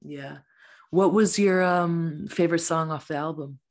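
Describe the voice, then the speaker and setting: A woman with a low, unhurried voice hosts a podcast in a casual interview chat, friendly throughout. She wraps up by thanking her guests again and again.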